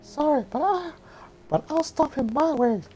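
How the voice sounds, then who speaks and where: Male reader as determined young warrior woman, high falsetto, stilted amateur script read. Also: expressive, a little slow, warm tone, slight background noise. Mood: urgent.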